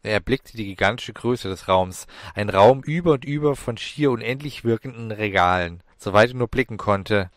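Low-voiced man narrating an audiobook. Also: no room sound, clean studio sound. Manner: measured, dramatic reading. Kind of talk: scripted storybook narration.

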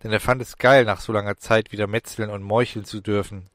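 A male audiobook narrator reads in a low, even voice, taking his time with every phrase. The recording is dry and close, with no room sound. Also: brisk, dry recording.

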